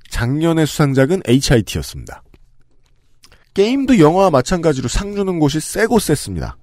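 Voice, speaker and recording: Lively man hosting a game podcast. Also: fairly high pitch, no room sound, studio quality. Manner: lively, joking, reads lists with asides and laughs. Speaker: podcast host. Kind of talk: casual podcast talk with scripted segments.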